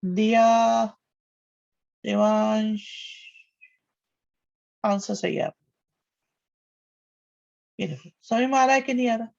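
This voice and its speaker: A man's voice: sits high, slow pace, creaky, long pauses. Male maths teacher, dull lo-fi audio. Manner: calls students "beta", reads out names and praises answers; conversational, repeats questions back to the class. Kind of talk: live online class.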